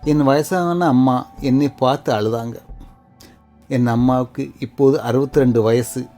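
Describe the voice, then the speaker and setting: A man reading a sad first-person story as scripted narration, slow and sorrowful in short measured phrases. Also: mid-range voice, fairly even intonation, warm tone, faint music behind.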